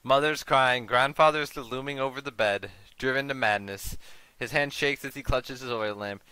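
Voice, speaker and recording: A man plays a story game and reads its text aloud at a measured pace. Between passages he drops into crude, swearing remarks. His voice is bright and crisp, recorded dry and close. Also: mid-range voice, dry recording, rough recording. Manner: measured reading broken by swearing asides. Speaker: gaming channel host. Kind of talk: reading game text aloud with cursing commentary.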